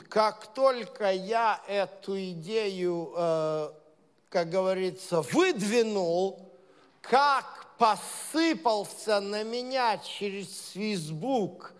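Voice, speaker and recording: Speaking very slowly in a high-pitched voice with lively intonation, a man leads his Messianic congregation in an informal sermon. He hesitates frequently as he talks, then builds to emphatic points, and a large hall gives the sound a long reverb.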